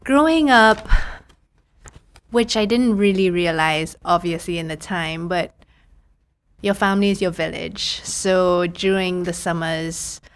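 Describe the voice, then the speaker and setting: A woman's voice: on the low side, unhurried, smooth. A woman in her thirties from Trinidad, a prosthodontist guest telling her story in a chatty podcast interview, often quoting her own past thoughts.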